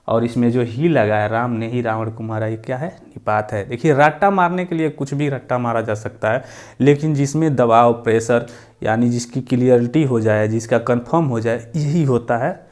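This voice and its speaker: A man explaining grammar as a lesson, mid-pitched and even. He drills example sentences again and again. He punches the key words hard for emphasis. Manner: repeats examples, stresses words loudly. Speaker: teacher.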